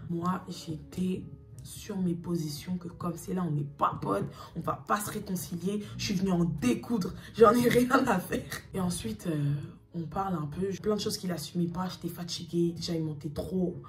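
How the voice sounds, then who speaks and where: A young woman telling a personal story to her viewers in a casual, animated, slangy and emphatic way. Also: lowish voice, moderate pace, distant mic, soft background music.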